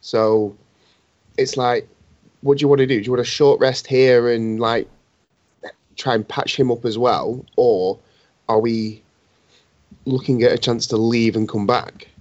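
A man's voice: medium pitch, fairly even intonation, measured pace, long pauses, darkish tone, dry recording. A man player in a tabletop game, thinking through the options aloud. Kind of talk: tabletop role-play chat. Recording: dull, dry lo-fi mic.

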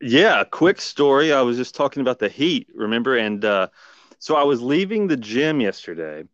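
A man's voice: mid-range voice, big pitch swings, moderate pace, fairly bright tone, no room sound, lo-fi sound. A man co-hosting a podcast, telling a story in casual chat and acting out the voices of the people in it. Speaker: podcast co-host.

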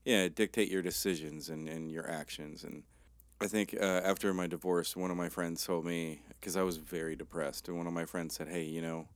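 Deep-voiced joking man. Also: fairly even intonation, a little fast, few pauses, no echo. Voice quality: rough, tired-sounding. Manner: joking, laid-back. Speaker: podcast co-host. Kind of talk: casual chat.

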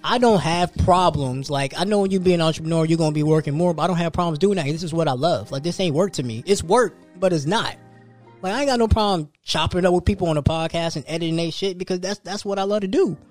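A man in his thirties hosts a podcast, speaking quickly in a somewhat high voice with faint music underneath. His storytelling about work and personal goals is loose and full of profanity.

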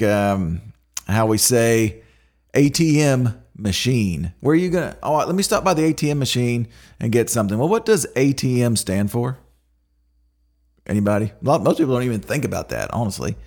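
A middle-aged man hosting his own podcast, talking in a loose, rambling way. His voice sits at an ordinary middle pitch for a man. He often restarts his sentences and leans on fillers. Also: a little mellow. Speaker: podcast host. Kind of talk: casual solo podcast monologue.

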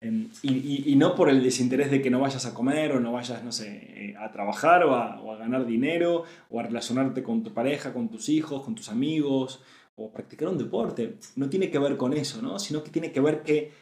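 A man's voice: medium pitch, normal speed, darkish tone. Earnest Argentine man in an echoey room. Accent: Argentine Spanish. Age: 30s. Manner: earnest, searching, many fillers and asides. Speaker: spiritual podcast host. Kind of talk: reflective spiritual talk.

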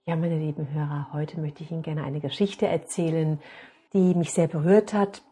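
A woman hosting a podcast, calmly addressing her listeners and narrating a story. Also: low voice, moderate pace, slightly rough. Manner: calm, addresses listeners directly. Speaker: podcast host.

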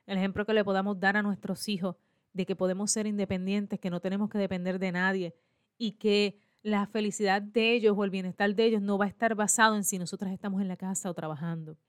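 Clear and resonant at medium pitch, this woman's voice is captured in a clean studio with no room sound. She's a librarian in her forties from Puerto Rico, speaking with a Puerto Rican Spanish accent and animatedly voicing both people in the dialogues of her personal story for listeners.

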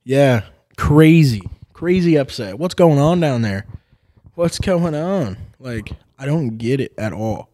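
A man's voice: medium pitch, no room sound, studio quality. A man hosting a sports podcast, chatting casually about football picks with rowdy, profane outbursts. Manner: rowdy, swearing, excitable outbursts.

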